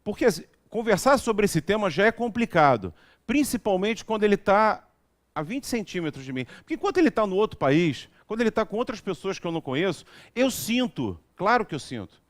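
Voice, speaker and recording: A man's voice: high-pitched, sing-song, a little fast. A man giving a conversational spiritual talk at a spiritist center, telling everyday stories and often checking in with his listeners. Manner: chatty, storytelling, frequent asides asking the audience.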